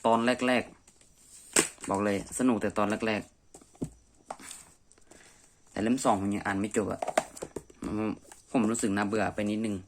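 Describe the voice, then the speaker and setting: An amateur reviewer talks unscripted from a messy room at home, thinking aloud in a fairly low, level voice. He keeps a measured pace broken by long pauses. The homemade recording is clearly noisy.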